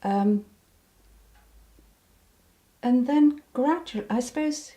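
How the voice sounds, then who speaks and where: An older woman with a soft, mellow voice recalls her past in an unhurried interview. She hesitates often, restarts her sentences and fills the gaps with ums. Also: sits high. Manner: hesitant, many ums and restarts, breaks into laughter. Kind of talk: reflective personal recollection.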